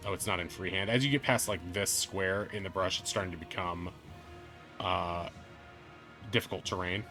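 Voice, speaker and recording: A man running a tabletop role-playing game online, chatty and quick to laugh, often restarting his sentences. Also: low voice, fairly even intonation, bright, forceful tone, soft background music. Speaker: game master.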